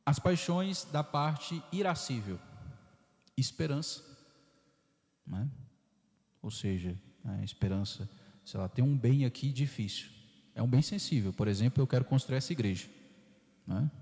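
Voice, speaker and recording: A Brazilian priest leads a chatty, informal catechism class in a parish church hall, speaking Brazilian-accented Portuguese in a rough, creaky, mid-range voice with a dark tone. He keeps tagging questions with "né?" and acts out inner voices. The audio is flawed, with the long echo of the reverberant hall.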